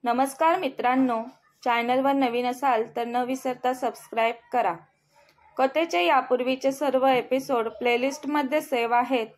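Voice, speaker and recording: A woman reading a serialized family story aloud, speaking every character's lines herself. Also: high voice. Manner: reads slowly, voicing the family's lines herself. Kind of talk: scripted story narration.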